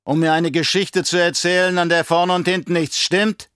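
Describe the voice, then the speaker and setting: A man's voice: mid-range voice, a little slow, a bit bright, clear, resonant tone, dry recording, clean studio sound. A man voicing a cruel, scheming, obese baron who barks angry questions in an audiobook reading. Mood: furious.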